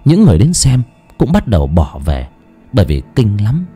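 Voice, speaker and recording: A man narrating a first-person ghost story as an audiobook, telling it expressively with dramatic pauses. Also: on the low side, wildly swooping pitch, dark tone, faint music behind.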